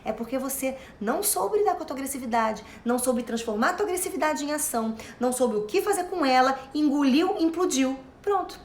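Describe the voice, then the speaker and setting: A high-pitched woman with a Brazilian Portuguese accent lectures on self-knowledge in a loose, theatrical way, often calling her listeners love and dear. Her voice rings out in a noticeably echoey room. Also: animated, brisk, hardly any pauses. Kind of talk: informal motivational lecture.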